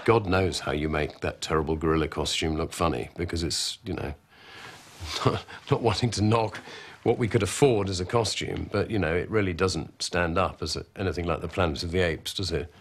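A man looks back on a comedy series in a relaxed documentary interview. He talks chattily with lots of fillers. His voice sits low. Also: moderate pace. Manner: chatty, filler-heavy recollection. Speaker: interviewee, former show insider.

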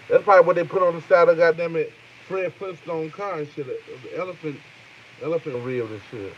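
A comedian talking live to his viewers in a loose, profane, riffing banter, shouting out names and joking. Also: high voice, slightly rough, muffled recording. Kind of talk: rambling live-stream chat.

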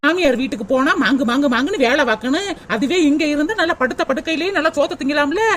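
Lady doing a fast high-pitched snarky cartoon daughter-in-law. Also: slight background noise, lightly acted. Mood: sarcastic. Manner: sarcastic, complaining. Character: sharp-tongued grumbling daughter-in-law.

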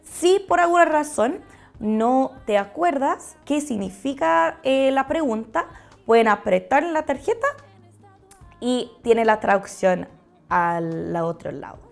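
Slow, gravelly teacher speaking Spanish. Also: female voice, high-pitched, lively intonation, soft background music. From United States. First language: English. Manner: explains slowly and clearly, repeats phrases in English then Spanish. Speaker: English teacher. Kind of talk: online language lesson.

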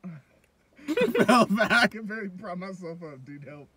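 A man's voice: high-pitched, lively intonation, normal speed, bright, forceful tone. A young man in casual chat with friends over a meal, laughing often and joking in loose slang.

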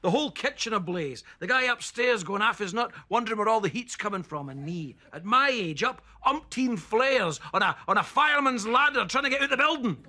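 An actor playing a fretful, indignant old pensioner with a broad Scottish accent, ranting in a TV sitcom. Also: male voice, high-pitched, brisk, few pauses, full character voice. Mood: agitated. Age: older. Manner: animated, ranting storytelling. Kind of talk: sitcom acting.

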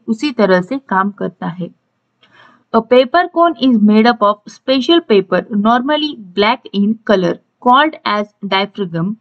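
Over a set of slides, an electronics teacher with an Indian accent works through the material step by step, reading each point and then explaining it. The female voice leans high, and the audio is muffled.

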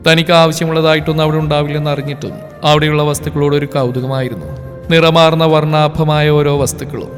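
A man reading a novel aloud in a steady, emotional storytelling voice. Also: a little high. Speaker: story narrator. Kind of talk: scripted novel narration. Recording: reverb with background music.

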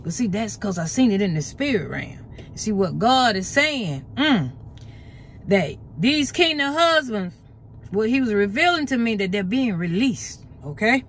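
A woman's voice: mid-range voice, sing-song, a little slow, a little hiss or hum. A woman preacher delivering a prophetic word to her viewers in a fervent, repetitive way, often calling them "you guys".

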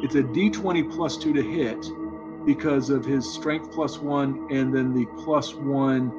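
A man's voice: medium pitch, fairly even intonation, a little slow, over music. A man playing in a tabletop game, chatting casually and answering the game master in short, laid-back replies. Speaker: player. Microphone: video call. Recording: dull lo-fi video call audio.

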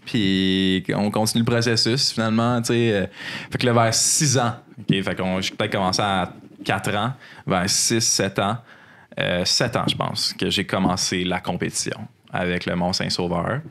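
A young man from Montreal speaks in a very low, gravelly voice with a Québécois accent. He rambles casually through his memories, stacking fillers and restarting his sentences. He sits at a desk mic in an apartment room. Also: fairly even intonation, moderate pace, a bit bright. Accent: Québécois French. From Montreal, Quebec. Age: 20s. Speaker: podcast guest, alpine skier. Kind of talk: casual storytelling. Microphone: desk microphone.

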